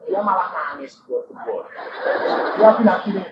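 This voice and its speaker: An older man preaching a sermon full of stories, swinging from low asides to high shouted quotes. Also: lively intonation, measured pace, background noise. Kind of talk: sermon with anecdotes. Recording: dull, echoey hall recording from far off.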